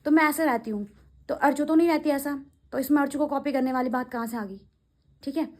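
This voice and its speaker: A young adult woman vlogger talking quickly and indignantly, answering her critics directly in a casual rant. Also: high voice, darkish tone.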